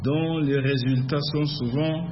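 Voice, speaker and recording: Politician guy talking real slow and solemn, muffled, noisy behind. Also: medium pitch, fairly even intonation. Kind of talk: statement. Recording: muffled audio with clear noise.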